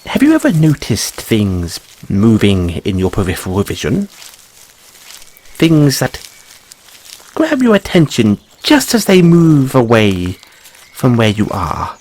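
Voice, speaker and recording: Guy doing a fussy curious rabbit boy for fantasy roleplay, super swoopy pitch, husky, polite and stammery. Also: wildly swooping pitch, takes it slowly, a little mellow, full character voice. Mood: mysterious, intrigued. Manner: flustered stammering, ornate courteous phrasing. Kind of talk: audio roleplay addressed to the listener.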